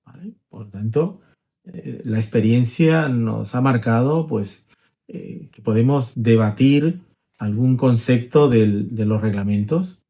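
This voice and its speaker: A man's voice: mid-range voice, takes it slowly, warm tone. Middle-aged male lawyer, conversational explainer, illustrative examples, frequent tag questions. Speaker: immigration lawyer.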